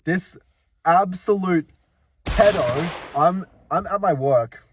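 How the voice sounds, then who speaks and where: This podcast co-host is a young man with a high-sitting voice who talks slowly over some background noise. In a relaxed chat, he shares stories from work, laughing a lot, cursing, and poking fun at customers.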